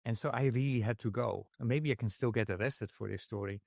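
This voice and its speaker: Male podcast host from the Netherlands, mid-pitched, halting and self-deprecating, dry close sound. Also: vocal fry, darkish tone, dry recording. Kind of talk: casual interview chat.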